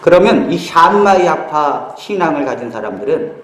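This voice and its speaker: Animated high-voiced male pastor preaching. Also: moderate pace, echoey room, low-quality recording. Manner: storytelling with acted-out quotes, humorous asides. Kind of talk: sermon. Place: church hall.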